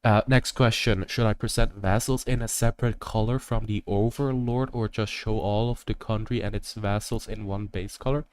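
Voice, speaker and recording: A man's voice: on the low side, steady tone, normal speed, few pauses, darkish tone. A young man streaming a strategy game, rambling and jokey in casual commentary, full of fillers.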